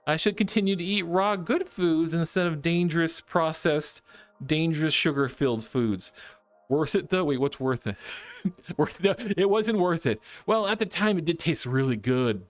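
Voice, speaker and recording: A man's voice: fairly high pitch, lively intonation, a little slow, dry recording. A man chatting casually on a live stream, reading chat and giggling often as he rambles.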